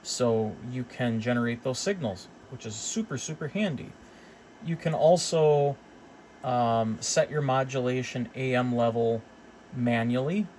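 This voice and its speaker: In this unscripted repair demo, a hobbyist with a mid-pitched male voice hesitates and muses aloud while explaining what he's doing by hand. A distinct, even background noise persists throughout.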